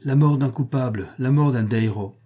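A man's voice: medium pitch, normal speed, dark tone, lightly acted. A man reading aloud, voicing the resolute leader of armed conspirators with stern, unbending pronouncements.

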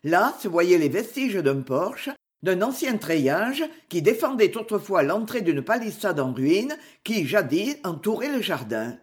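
Expressive audiobook narrator, lively pitch. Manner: measured, expressive reading. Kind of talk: scripted narration of a classic novel.

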